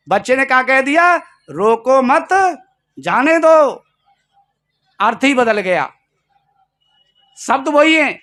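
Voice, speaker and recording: A man's voice: very high voice, pushed and bright. A man giving a Hindi sermon as a spiritual teacher, telling stories and repeating key lines for emphasis.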